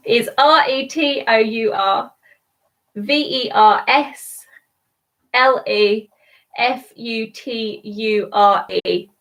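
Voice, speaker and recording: A woman's voice: fairly high pitch, fairly bright tone. Chatty woman hosting a quiz. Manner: chatty, self-deprecating, spells words slowly letter by letter. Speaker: quiz host. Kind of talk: live-streamed online quiz. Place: at home alone.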